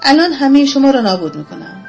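Woman doing angry male wolf, storybook villain, scolding, louder and higher. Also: very animated, gravelly, faint music behind, exaggerated voice. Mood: furious. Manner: threatening, scolding.

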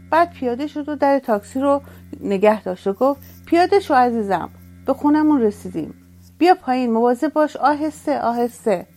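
A woman voicing a jeering middle-aged male taxi driver who talks loudly and mockingly. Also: high-pitched, voice pushed up. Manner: mocking, loud, teasing.

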